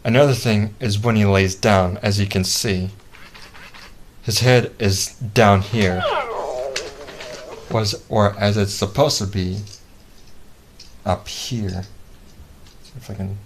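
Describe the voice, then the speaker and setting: Man, lowish pitch, casual demo reviewer, halting, repetitive phrasing, clearly noisy home recording. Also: steady tone. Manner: halting and repetitive, often restarting sentences. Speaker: toy reviewer. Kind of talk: casual product demonstration.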